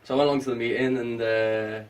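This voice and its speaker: Easygoing actor chatting off-mic. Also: male voice, medium pitch, little pitch movement, distant mic. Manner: easygoing, halting, many fillers. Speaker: actor guest. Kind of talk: casual interview chat.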